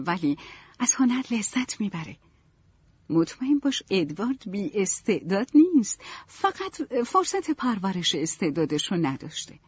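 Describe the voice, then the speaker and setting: A woman doing a calm, sensible young woman. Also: medium pitch, breathy edge, no room sound. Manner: measured, reassuring. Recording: dull, dry, lo-fi.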